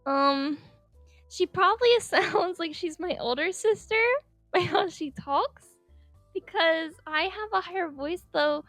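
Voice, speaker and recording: Soft music sits behind a woman describing her drawing process over a speedpaint, a little slowly and with no room sound. She's chatty and giggly, rambling with plenty of filler words in a voice higher than her usual.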